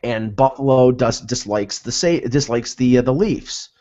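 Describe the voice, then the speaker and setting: A man co-hosting a casual sports talk show, telling anecdotes in a halting way and repeating words as he goes. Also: mid-range voice, mellow. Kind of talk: casual chat, anecdotal storytelling. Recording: dull lo-fi audio.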